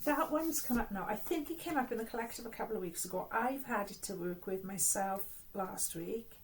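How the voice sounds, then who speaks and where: Talking briskly at medium pitch, a woman from Wales with a Welsh accent offers a spiritual reading straight to camera. She is earnest and reflective, rambling casually as she goes.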